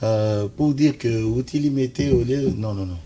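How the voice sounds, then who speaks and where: A man's voice: medium pitch, moderate pace, warm tone. A man from Kinshasa giving insistent political analysis in a talk-show debate. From Congo, Kinshasa. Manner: insistent, analytical, pushes back when interrupted. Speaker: political commentator.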